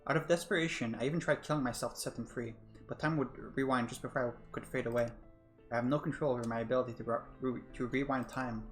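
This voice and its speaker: A man's voice: medium pitch, steady tone, quick pace, soft background music, lightly acted. A man voicing a young woman stuck in a time loop, narrating her despair in the first person. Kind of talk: narrating a game in character.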